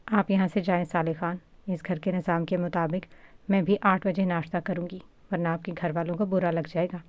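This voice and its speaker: A woman's voice: fairly low pitch, little pitch movement, no room sound, lightly acted. Woman reading a defiant hot-tempered girl. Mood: angry. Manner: sharp, angry retorts.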